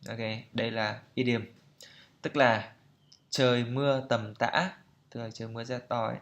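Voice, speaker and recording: A man teaching pronunciation, explaining patiently and repeating example words slowly for students to copy. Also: medium pitch, fairly even intonation, a bit bright. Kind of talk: pronunciation lesson.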